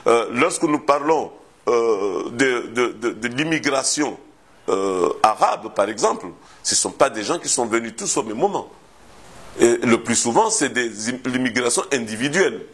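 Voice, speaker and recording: A man with a husky, slightly breathy voice, speaking at a middle pitch. He answers as a historian in an interview, weighing each point and pausing often. His sentences stall and restart as he searches for the right word. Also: lively intonation, a bit bright. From Comoros. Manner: measured, thoughtful, hesitates often with repeated words.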